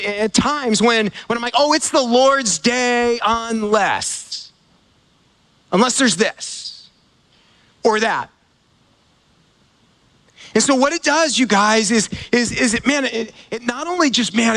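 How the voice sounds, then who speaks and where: A man's voice: high-pitched, vocal fry, bright, forceful tone. A man preaching a sermon as pastor, in a conversational way full of fillers and repeated words. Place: church gathering.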